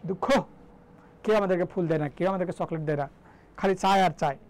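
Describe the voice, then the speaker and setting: A man's voice: high voice, fast talker, darkish tone, low-quality recording. Chatty young male English tutor. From Bangladesh. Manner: chatty, joking, quizzing students. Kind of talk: live online class.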